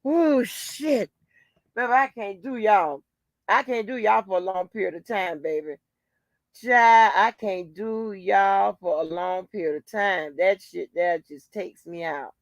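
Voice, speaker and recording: Her medium-pitched, hoarse voice moves a little slowly, with no echo in the recording. This channel host runs a casual gossip commentary, laughing often, swearing plenty and calling people honey and baby.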